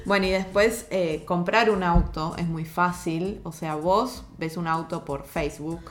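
A young woman speaks in a casual, animated way, with an Argentine Spanish accent and a voice a little lower than most women's. She laughs easily as she talks. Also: a little slow. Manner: chatty, laughs often, animated. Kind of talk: casual chat.

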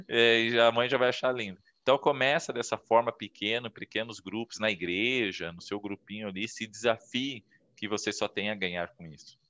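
A man's voice: lowish voice, animated, moderate pace, sharp tone. A man coaching on communication in an interview, explaining step by step and acting out the voices in his little stories. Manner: explanatory, acts out quoted voices while telling stories. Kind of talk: interview advice talk. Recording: dull lo-fi sound.

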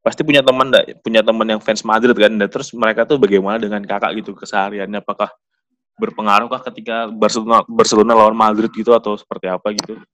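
Fast-talking young man, casual football chat. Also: lowish voice, little pitch movement, a bit bright. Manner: quick, chatty, restarts often.

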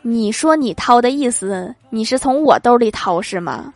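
A woman's voice: on the high side, lively intonation, normal speed, a little mellow. A woman hosting a comedy show, reading funny anecdotes aloud with acted quotes and chuckling at her own punchlines. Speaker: host.

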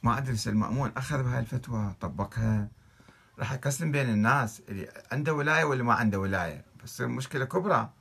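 A man with an Iraqi Arabic accent talks at a quick clip, reading out religious texts and pulling them apart. His voice is husky and bright-edged, and he argues hard, throwing out one rhetorical question after another. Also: mid-range voice. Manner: argumentative, fires off rhetorical questions. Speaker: religious commentator.

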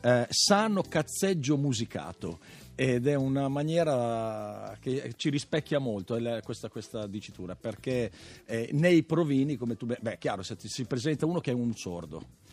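A man's voice: medium pitch, expressive, moderate pace. A man chatting as a guest on a radio show, telling stories with frequent restarts and fillers. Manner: chatty storyteller, hesitant restarts. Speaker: guest performer. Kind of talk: casual radio chat. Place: radio studio.

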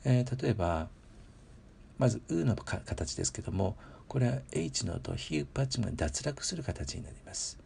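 A man giving a patient, measured grammar lesson, repeating example words slowly and pausing often with fillers. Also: mid-range voice, sing-song, vocal fry, darkish tone, slight background noise. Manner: polite instructional phrasing with frequent filler pauses. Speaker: language teacher.

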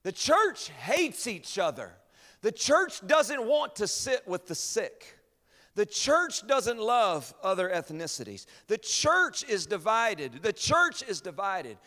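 A preacher voicing a bitter male accusing spirit that cries out slowly and loudly. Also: sits high, sing-song, pitched above the performer's own voice, heavily acted. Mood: wailing. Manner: slow, wailing outcry. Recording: long hall reverb.

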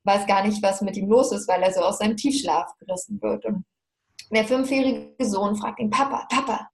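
A woman as a podcast guest, telling a heartfelt story with animated, earnest delivery. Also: mid-range voice, moderate pace, vocal fry.

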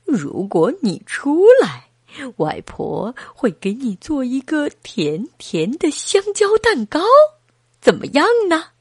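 A woman voicing a gentle old grandmother who coaxes softly and slowly. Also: on the high side, very animated, slightly rough, dry recording, studio quality, exaggerated voice. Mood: coaxing.

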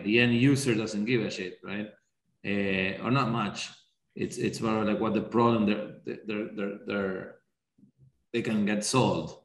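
A man speaking as a startup executive on a panel, casual and blunt, restarting his phrases often. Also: fairly low pitch. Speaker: startup executive, interview guest. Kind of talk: informal business panel discussion. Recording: roomy, echoing sound.

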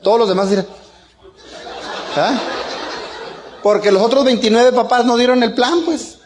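A middle-aged man telling family anecdotes in a seminar talk, colloquial and joking, often tagging lines with quick checks to the audience. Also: extremely high pitch. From Mexico. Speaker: speaker.

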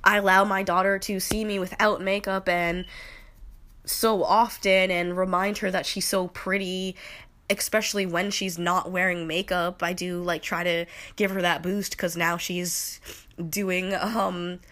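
Speaking a little slowly in a lowish, level, fairly bright voice, a woman in her late twenties shares her opinions on her podcast. A cold leaves her slightly nasal, and her monologue rambles with many fillers and restarts.

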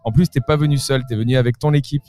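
At a trade fair, a man hosts a casual interview podcast, talking enthusiastically and at length while faint concert music plays behind him. His voice is medium-pitched and dark, steady in tone, and fast.

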